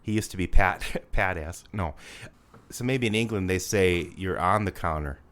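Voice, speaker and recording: This deep-voiced man from Rapid City, South Dakota, co-hosts a casual podcast, talking at a normal speed with a slightly bright, slightly nasal sound. He reads listener comments jokingly and laughs often during the chat.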